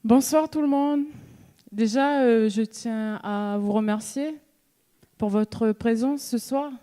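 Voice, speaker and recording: Young woman, high and dark-toned, slow. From New Caledonia. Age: young adult. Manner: slow measured delivery with dramatic pauses; rhetorical questions and repeated refrains. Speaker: student contestant. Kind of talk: eloquence contest speech. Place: stage in a hall before an audience.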